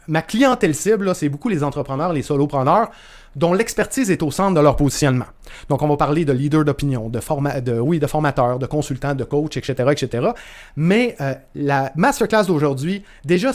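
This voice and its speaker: A man in his thirties from northern Quebec with a Québécois accent, hosting a live masterclass over a video call in a chatty way, full of fillers and restarts. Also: a little high. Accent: Québécois French. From northern Quebec, Canada. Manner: chatty, many fillers and restarts, greets viewers by name. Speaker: masterclass host. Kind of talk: live webinar presentation.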